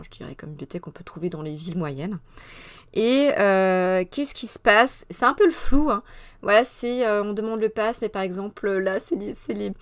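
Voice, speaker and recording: A woman hosting a casual live culture show, chatting and answering viewer comments, with frequent fillers and moments where she drops to a whisper. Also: medium pitch. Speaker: mother of young children.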